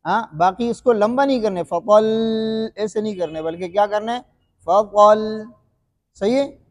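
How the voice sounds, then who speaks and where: Male recitation teacher with a high voice: repeats questions, drags out the examples, sounds heavily reverbed. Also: lively intonation, a little mellow. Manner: repeats questions to the students and answers them himself; slow, drawn-out demonstration recitations. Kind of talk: classroom-style recitation lesson.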